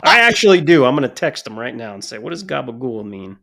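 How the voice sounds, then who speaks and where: A man with a gravelly, creaky voice co-hosts a casual podcast. He talks in a blunt way, swears freely and often talks over his partner. His pitch sits in the middle range for a man. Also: big pitch swings, fast, a bit bright. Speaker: podcast co-host. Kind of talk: casual chat.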